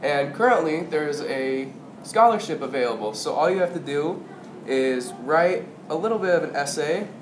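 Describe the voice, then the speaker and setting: A man's voice: on the high side, lively intonation, normal speed. A male host reading school announcements in a casual, chatty way, sometimes correcting himself. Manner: informal, chatty, self-correcting. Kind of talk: casual scripted announcements with ad-libs. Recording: echoey room, clear background noise.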